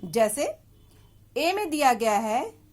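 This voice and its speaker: A woman's voice: fairly high pitch, very animated. A woman teacher with an Indian English accent, patiently explaining an English poem and its words in a classroom lesson. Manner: slow, patient explaining, switching between Hindi and English.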